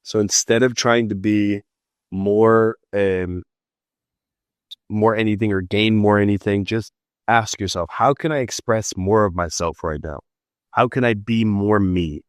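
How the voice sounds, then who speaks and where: His fairly low voice is clean in tone and measured in pace as this Los Angeles, United States psychic and mentor jokes and chats loosely in a relaxed manner. The setting is a casual podcast interview where he's the guest. Studio-quality sound, no echo.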